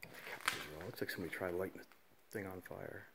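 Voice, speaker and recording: A man's low, creaky voice comes through flat and brisk over a noisy background. He's an urban explorer filming inside derelict school buildings, offering whispered walkthrough commentary punctuated by exclamations of awe.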